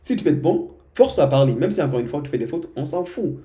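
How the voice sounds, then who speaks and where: Young man from guinea, informal vlog advice, mellow dark voice, repeats himself. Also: a little high, sing-song, fast. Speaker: vlogger giving language tips. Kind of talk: casual direct-to-camera advice.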